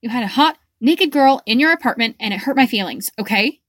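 A woman's voice: fairly high pitch, animated, a little fast, fairly bright tone, no room sound, studio quality. A woman voicing a fiery, protective young woman hero who scolds with indignation, in an audiobook fan fiction reading.

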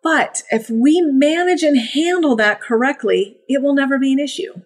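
Lively high-voiced woman, animated talk. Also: moderate pace. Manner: animated, acts out puppy voices and high sing-song praise. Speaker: puppy breeder and trainer. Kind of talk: casual podcast talk.

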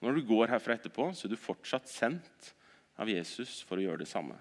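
A man's voice: fairly low pitch, very animated. Impassioned male preacher in a reverberant church. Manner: impassioned, swinging between loud exhortation and quiet earnest talk; repeats words when restarting sentences. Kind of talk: sermon. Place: church service.

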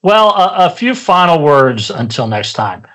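A man speaking as an investment analyst in a podcast interview, explaining in a measured, somewhat hesitant way. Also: fairly high pitch, very animated, fairly bright tone.

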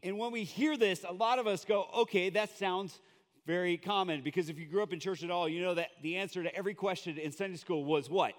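A man's voice: sits high, quick pace, hardly any pauses, in a large hall. A man from Colombia preaching as a guest in a church, in a chatty, joking way with lots of fillers. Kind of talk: conversational sermon. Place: church sanctuary.

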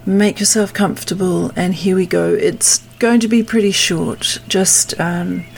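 A woman podcast host giving an informal, unscripted introduction in a gentle, reflective way, pausing mid-sentence. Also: fairly low pitch, fairly even intonation, a little hiss or hum. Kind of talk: informal, improvised spoken introduction. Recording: music behind the voice. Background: clear music.

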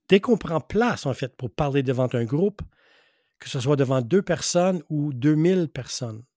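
A middle-aged man from western Canada, a native English speaker, hosts a solo podcast as a public speaking coach. His voice is on the high side with a dark tone, recorded dry with clean studio sound, and he speaks earnestly and emphatically, repeating key phrases for weight.

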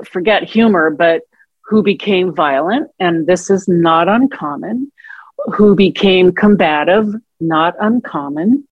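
A woman's voice: fairly low pitch, dry recording, lo-fi sound. A middle-aged woman in an interview, telling personal caregiving stories in a reflective, conversational way and acting out quoted dialogue. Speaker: guest, author and caregiver.

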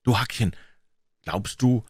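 A man's voice: slow, husky, dry recording, studio quality, exaggerated voice. A man voicing a frightened boy who whispers nervously in a graveyard at night, in an audiobook reading. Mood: scared whisper. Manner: hushed, nervous, higher-pitched boyish voice. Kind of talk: audiobook character voice.

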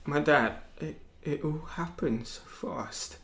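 Young man playing a gravelly, sullen teenage boy. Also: on the high side, takes it slowly, heavily acted. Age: young adult. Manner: sullen, cold and detached, flaring into shouts. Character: bitter teenage boy accused of killing his father. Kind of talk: stage drama acting.

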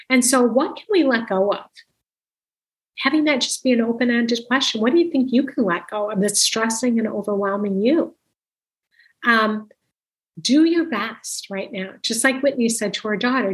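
A woman's voice: fairly high pitch, a bit bright, low-quality recording. A woman in her fifties giving parenting advice in a chatty way, acting out quoted exchanges. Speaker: parenting speaker. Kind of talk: casual talk, giving advice.

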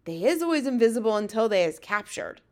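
A woman acts out an excitable, big-eared male giant from a children's storybook, a dramatic dream catcher. Pitched high and full of drama, he explains things at a quick pace in tumbling, ungrammatical, folksy exclamations.

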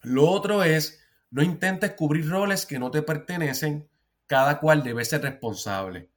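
A man's voice: fairly high pitch, lively intonation, unhurried. A Puerto Rican therapist, a man who talks earnestly in a casual podcast chat, often restarting and repeating words. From Puerto Rico.

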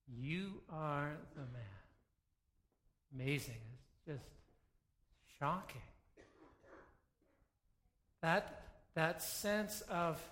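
A man preaching a sermon in a reflective, emphatic and measured way. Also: fairly high pitch, a bit bright, a little hiss or hum.

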